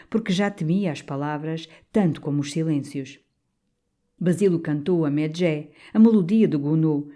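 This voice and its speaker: A woman reads a nineteenth-century novel aloud as an audiobook. Her voice sits low and mellow, and the reading is measured and expressive. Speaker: audiobook narrator. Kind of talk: literary audiobook narration.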